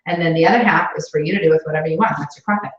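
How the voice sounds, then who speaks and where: A woman's voice: low-pitched, fairly even intonation, rapid-fire. A woman coaching new sales consultants in a casual, encouraging way, talking with lots of fillers in an indoor room. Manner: chatty and encouraging, many fillers. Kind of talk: casual training talk with a live booking call. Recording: echoey room, slightly dull sound.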